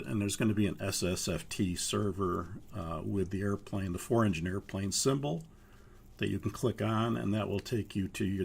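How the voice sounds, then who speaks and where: A cold has left this older Minnesota flight instructor hoarse and raspy, his voice low, gravelly, and husky. Leading a live online pilot course walkthrough, he explains things haltingly and fills the gaps with "uh."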